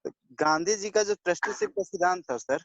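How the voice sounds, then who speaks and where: A young male student comes through a crackly call line that keeps dropping out, and the sound is dull and lo-fi. His voice sits a little high for a man. He asks his question haltingly and stops to check whether anyone can hear him. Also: vocal fry, fairly bright tone, no room sound. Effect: crackly call line that keeps cutting out. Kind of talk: question in an online class.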